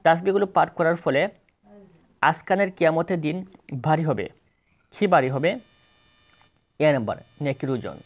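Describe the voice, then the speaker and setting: A man's voice: a little high, measured pace, pauses often. Bangladeshi man reading exam answers. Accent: Bangladeshi Bengali. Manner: plain steady reading with self-corrections. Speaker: exam tutor.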